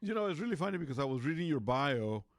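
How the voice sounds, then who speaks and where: A man's voice: a little high, big pitch swings, fast talker, no echo, clean studio sound. A man from Costa Rica hosting a talk radio show, rambling in casual chat with lots of fillers and restarts.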